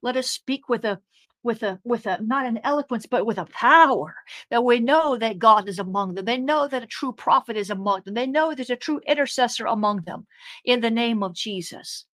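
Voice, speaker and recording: A woman's voice: on the high side, moderate pace, fairly bright tone, no room sound. A woman leading a fervent spoken prayer, with rhythmic repeated phrases that build into exclamations. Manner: repetitive, rhythmic, rising into exclamations; speaks in tongues briefly. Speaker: prayer leader.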